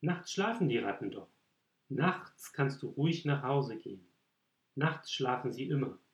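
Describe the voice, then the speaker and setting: A man voicing a kindly, gently coaxing older man in a storybook reading, asking friendly questions. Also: medium pitch, animated, a little slow, lightly acted. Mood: reassuring. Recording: roomy echo.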